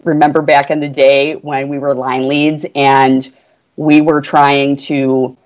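This is a slow, rough recording of a woman whose voice rumbles low and stays flat. As a portfolio manager guesting on a business podcast, she discusses her work with earnest enthusiasm, peppering her speech with "you know."

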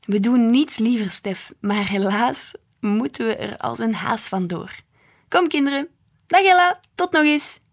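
Woman as a brisk, friendly storybook mother: husky, pitched up, a bit louder. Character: cheerful mother hurrying her children along.

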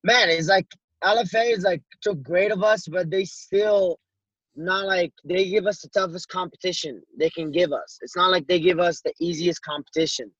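A young man from Morocco, a fighter, talking loosely and haltingly in a casual interview, with lots of "like"s. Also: high-pitched, fairly even intonation, a bit bright, breathy edge, dry recording, lo-fi sound. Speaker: guest fighter.

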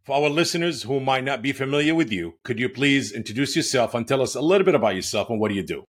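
A man hosts an interview and jumps in with curious follow-up questions. His voice is husky and sits at a medium pitch. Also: expressive, fast. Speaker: podcast host. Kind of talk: interview host.

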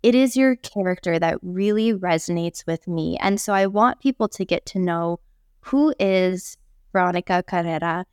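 A woman hosting an interview, introducing her guest in an admiring, measured way. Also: on the low side, clear, resonant tone, no echo, clean studio sound. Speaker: interview host.

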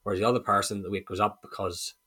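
A man's voice: fairly low pitch, flat delivery, fast talker, sharp tone. A man, a coach, chatting frankly on a podcast, swearing casually and explaining with examples.

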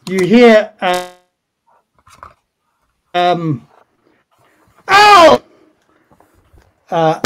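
Guy game mastering a tabletop rpg, takes it slow, lots of hesitant pauses. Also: a little high, darkish tone. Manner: hesitant, halting. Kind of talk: running a tabletop roleplaying game.

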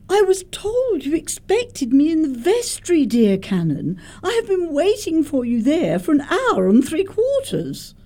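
Flustered, guilt-ridden governess woman acting, high pitch, unhurried and earnest, radio play. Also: wildly swooping pitch, mellow, full character voice. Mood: prim, reproachful. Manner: earnest, precise, melodramatic. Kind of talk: stage comedy radio acting.

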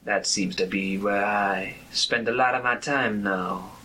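A man's voice: fairly low pitch, level tone, normal speed, bright, forceful tone, breathy edge, poor audio. A man voicing a proud, sly male troll chieftain in a tabletop fantasy game, speaking a patois-like dialect with dropped verb forms. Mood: guarded.

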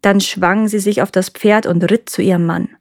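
Brief: a woman storyteller, calm and measured fairy-tale reading, close and dry. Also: medium pitch, no room sound. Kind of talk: reading a folk tale aloud.

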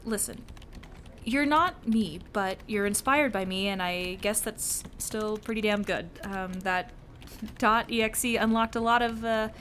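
A woman playing a weary female tech-support agent who talks haltingly, with many fillers. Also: medium pitch, fairly bright tone, slight background noise, close to an everyday voice. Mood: hesitant.

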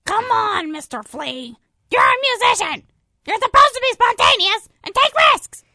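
A tiny, pushy house fly with a shrill, very high voice that swoops all over the place, as a woman puts it on. It pleads eagerly and sounds bright and sharp. The recording is dry and close, with no room sound. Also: wildly swooping pitch, normal speed, no room sound, full character voice. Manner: squeaky, pleading, rising to shouts.

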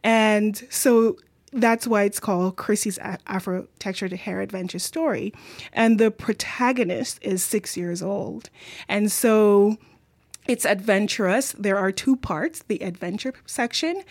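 A woman with a light Jamaican accent, a community mentor and author, answering interview questions earnestly, with pauses and restarts. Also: medium pitch, no room sound.

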